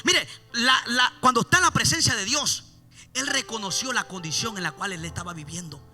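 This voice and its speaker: A man preaching an impassioned evangelical sermon, repeating his refrains and swelling loud, then dropping low. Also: fairly quick, soft background music. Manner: impassioned, repeats "mi amado hermano".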